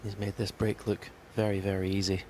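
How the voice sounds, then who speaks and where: A man commentating on snooker in a very low, even voice with little rise or fall. He is measured and analytical, with a gravelly edge, over clearly noisy ambience. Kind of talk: quiet sports commentary.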